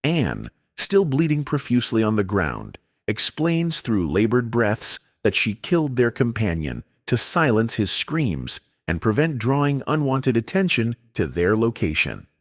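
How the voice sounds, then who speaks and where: A man giving a measured, dramatic scripted narration, recapping a story. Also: medium pitch, huge pitch swings, dry recording, studio quality.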